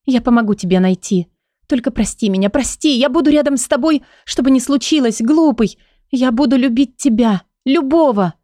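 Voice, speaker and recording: Audiobook: desperate young woman in love, raised pleading voice, voiced by a woman reader. Mellow, dry close mic. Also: moderate pace, no room sound, natural voice. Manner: high, pleading and emotional.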